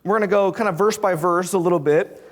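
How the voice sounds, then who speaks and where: A preacher giving a sermon in a church, animated and full of rhetorical questions put to the congregation. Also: medium pitch, fast talker, long reverb tail. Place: church sanctuary.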